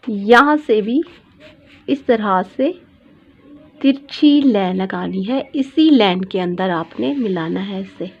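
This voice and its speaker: A woman dress designer teaches pattern drafting step by step in a sewing tutorial, patiently repeating every measurement. Her voice is a little high, and the recording has its highs cut off.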